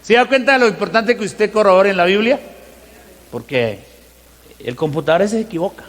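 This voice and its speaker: A man preaching a teaching sermon, who asks the congregation rhetorical questions and slows down to stress scripture verses. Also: high-pitched, lively intonation, slight background noise. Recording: long hall reverb.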